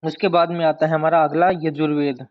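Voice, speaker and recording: Male teacher, fairly high voice, exam-prep lecture, drills key terms, dull lo-fi recording. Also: little pitch movement. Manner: slow, deliberate, repeats key terms to drill them. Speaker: history teacher. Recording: dull lo-fi sound.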